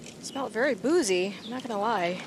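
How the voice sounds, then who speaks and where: A female golf commentator reports conversationally from out on the course. Her mid-pitched voice comes through very loud outdoor background noise. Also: animated, quick pace. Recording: very noisy outdoor course ambience. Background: loud ambient noise.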